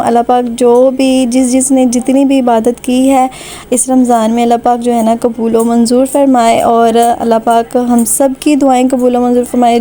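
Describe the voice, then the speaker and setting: A woman with a Pakistani Urdu accent talks over her family vlog, rambling along with plenty of conversational fillers. Her voice sits a little high and sounds soft and mellow. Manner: chatty and warm-hearted, with frequent conversational fillers. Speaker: vlogger.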